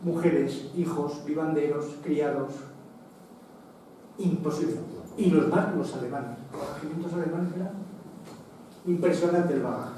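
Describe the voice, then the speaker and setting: A man's voice: a little high, unhurried, pauses often, warm tone. A man giving a conversational public lecture with slides, digressive and full of restarts and asides. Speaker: lecturer on military history. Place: association meeting hall, indoors. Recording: echoey hall, distant mic, faint noise.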